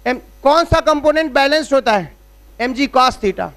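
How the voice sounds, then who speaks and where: A man's voice: very high-pitched, expressive, moderate pace, a bit bright. A man teaching physics as a classroom lecture at a board, explaining step by step and checking in with rhetorical questions. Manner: uses everyday analogies.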